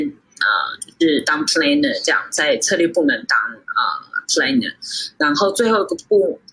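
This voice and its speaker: 带着笑意、语气明亮的台湾女性. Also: female voice, on the low side, bright, forceful tone, husky, rough recording. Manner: chatty, laughs often, many fillers. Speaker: guest sommelier. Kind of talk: casual interview over a remote call. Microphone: video call.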